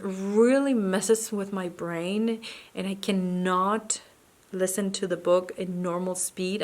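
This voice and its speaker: Chatty woman book vlogger. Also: medium pitch. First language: not English. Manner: chatty, slightly halting, searches for words. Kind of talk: casual chat about books.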